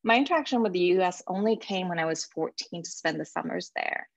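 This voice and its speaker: A woman's voice: on the low side, lively intonation, a little fast, gravelly, no echo. A woman in her forties from Japan, a life coach giving an earnest talk to alumni with a few fillers. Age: 40s. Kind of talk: presentation to alumni.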